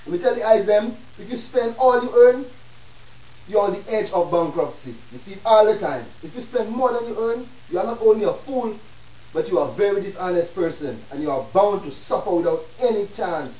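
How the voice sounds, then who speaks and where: A self-help show host with a Jamaican accent gives a Rastafarian informal lecture with readings, preaching rhetorically in the style of a Rasta preacher-lecturer and dropping in check-in questions. His fairly high voice is brisk with lively intonation. He sits far from the mic in an echoey room, and the sound is dull with hiss.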